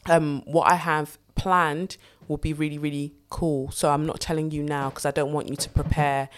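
A woman's voice: low voice, flat delivery, moderate pace, slight background noise. A woman with a London accent hosting a podcast in casual solo chat, candid, playful, slangy and sweary. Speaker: podcast host.

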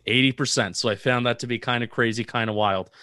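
A man co-hosting a casual sports podcast, reading off statistics in a measured way. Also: medium pitch, steady tone, sharp tone, no room sound, clean studio sound. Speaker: podcast co-host. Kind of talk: casual sports analysis chat.

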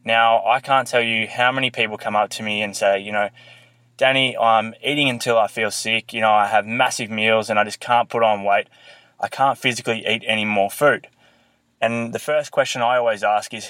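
Low-voiced man on a low quality laptop mic. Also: pushed and bright, no room sound, poor audio. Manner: explaining, earnest coaching tone. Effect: low quality audio from a built-in laptop mic. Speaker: podcast host and fitness coach. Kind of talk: solo podcast, instructional talk. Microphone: built-in laptop microphone, low quality audio.

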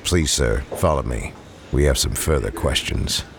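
A man's voice: a bass voice, unhurried, noisy background, pitched below the performer's own voice. A man voicing a stern, experienced older police officer who speaks firmly.

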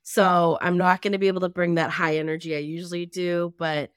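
A woman's voice: fairly low pitch, level tone, a little fast, clear, resonant tone, no echo, studio quality. A woman co-hosting a podcast in casual chat, congested and under the weather. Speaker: podcast co-host.

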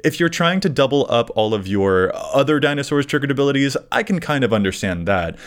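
A man co-hosting a casual podcast, animated and quick to laugh as he explains game details. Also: medium pitch. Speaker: podcast co-host.

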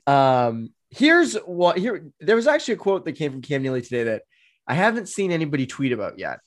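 A man's voice: a little high, very animated, a little fast. A man appearing as a guest on a sports podcast, chatting casually and thinking aloud with lots of "um" and "you know".

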